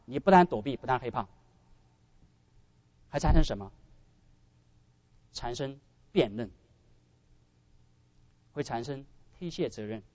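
A man preaching a sermon as pastor, animated and often addressing his brothers and sisters. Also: medium pitch, measured pace, long pauses, dry recording, highs cut off.

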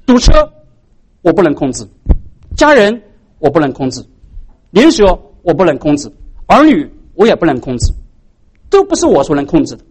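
Male pastor, fairly high, animated sermon voice full of rhetorical questions. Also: husky. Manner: preaching with many rhetorical questions to the congregation.

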